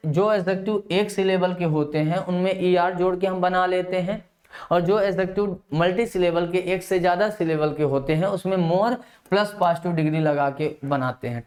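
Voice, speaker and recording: A man's voice: high voice, darkish tone. Hindi-accented male teacher, quizzing tone. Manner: repeats key words as quiz questions to students. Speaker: English teacher. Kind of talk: classroom lecture.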